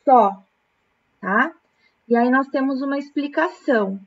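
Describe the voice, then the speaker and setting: A Brazilian woman teaching young children in a recorded lesson, talking very slowly and patiently with a slightly high voice. She breaks words into syllables as she corrects exercises, and the recording sounds a little dull and lo-fi. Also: slight background noise. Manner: slow, patient, syllable-by-syllable explanation. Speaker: primary school teacher.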